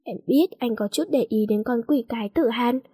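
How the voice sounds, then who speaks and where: A woman's voice: a little high, normal speed, warm tone, husky, no room sound, studio quality. A woman voicing a scheming young woman in a storybook reading, sly and confiding.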